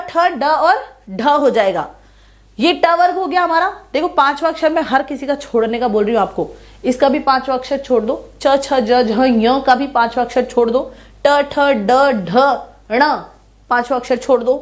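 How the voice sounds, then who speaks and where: High-voiced woman tutor teaching a lesson. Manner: explains patiently, checks understanding with repeated questions; recites sounds slowly one by one. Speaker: online tutor. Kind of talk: classroom grammar lesson.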